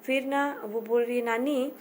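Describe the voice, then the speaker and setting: A woman telling her family's story as a mother, in a halting way, circling back and repeating herself. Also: on the high side, steady tone, a little hiss or hum. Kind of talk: personal storytelling.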